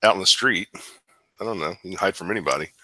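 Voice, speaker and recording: A man playing in a tabletop game, animated and improvising casually. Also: low-pitched, fast, no echo, poor audio. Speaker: player. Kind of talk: casual tabletop role-play.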